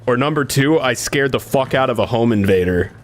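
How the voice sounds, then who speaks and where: A man's voice: medium pitch, lively intonation, brisk, soft background music. A man hosting a casual game stream, telling rambling stories full of fillers and swearing. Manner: rambling storyteller, heavy on "like" and swearing. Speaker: streamer host. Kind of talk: casual gaming stream chat.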